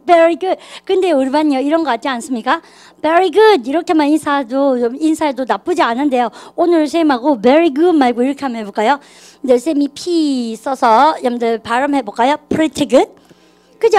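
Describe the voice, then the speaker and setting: A woman teaching an English grammar class, lively and coaxing students to repeat phrases aloud. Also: high-pitched. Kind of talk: classroom lecture.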